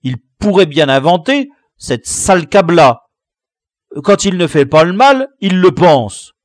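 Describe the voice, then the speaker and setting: A man voicing a defiant young schoolboy gang leader who hurls loud insults in a storybook reading. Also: high-pitched, animated, unhurried, dry recording, studio quality, voice pushed up. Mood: fierce, indignant. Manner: shouting insults, fierce.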